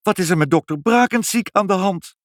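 Man doing a shrill, fussy hospital nurse. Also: sing-song, unhurried, no room sound, clean studio sound, exaggerated voice. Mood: alarmed.

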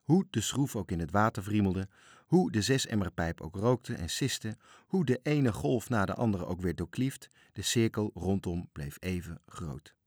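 A man with a fairly low voice reads a children's story with lively storytelling. The sound is dry, with no room echo. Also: moderate pace, slightly rough. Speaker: narrator.

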